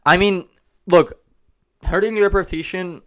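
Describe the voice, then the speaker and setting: A man's voice: high-pitched, fairly even intonation, a little slow, fairly bright tone, clear, resonant tone. A man hosting a business vlog, talking casually to camera and repeating himself as he rambles. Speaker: host of a business channel.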